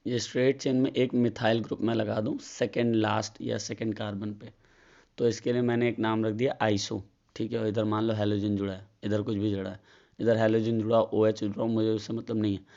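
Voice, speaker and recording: A man's voice: fairly low pitch, flat delivery, fairly quick, gravelly, darkish tone, dull audio. A man with a Hindi accent giving a casual chemistry tutorial, asking and answering his own questions. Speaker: chemistry teacher. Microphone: phone.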